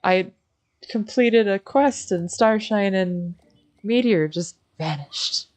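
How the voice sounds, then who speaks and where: This Michigan streamer speaks at a slow pace in a mid-range voice with a somewhat dark tone. Hosting her game livestream, the American woman chats informally, giggling and using plenty of slang.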